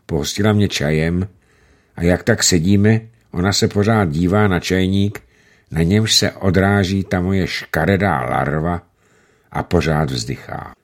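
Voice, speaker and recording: Male audiobook narrator, low register, measured and steady delivery. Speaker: narrator reading a novel. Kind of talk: audiobook reading of a letter and narration.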